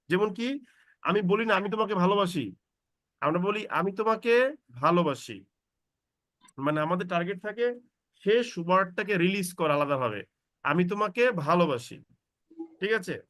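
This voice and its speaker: A man teaching an online English class, explaining rules slowly and drawing out example sentences to model how they sound. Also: sits high, pushed and bright, no echo, clean studio sound.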